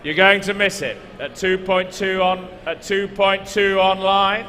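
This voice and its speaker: A man's voice: sits high, flat delivery, measured pace, bright, forceful tone. A man working as an auctioneer, calling bids at a live car auction, repeating figures insistently and coaxing bidders. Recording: echoey large hall, background noise.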